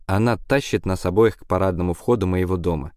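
Low, mellow male audiobook narrator. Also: a little fast, dry recording, studio quality. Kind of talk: first-person novel narration.

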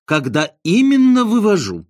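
A man's voice: high voice, wildly swooping pitch, normal speed, a little mellow, no echo, voice pushed up. A man voicing a brash young male con man who talks in a curt, officious, commanding way, in a dry close recording. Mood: stern, officious.

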